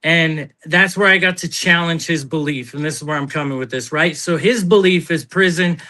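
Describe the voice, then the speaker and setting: A man's voice: fairly high pitch, normal speed. A man telling stories in casual chat on a live talk show, blunt and swearing freely. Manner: blunt, animated storyteller who swears.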